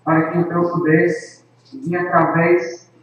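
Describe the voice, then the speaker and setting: A man tells an earnest testimony to a camera, slow and solemn, leaning on each phrase. His somewhat high voice sits far from the mic in a very echoey space. The recording sounds dull and lo-fi, with faint room ambience behind. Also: level tone. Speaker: evangelist and worship leader. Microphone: camera microphone.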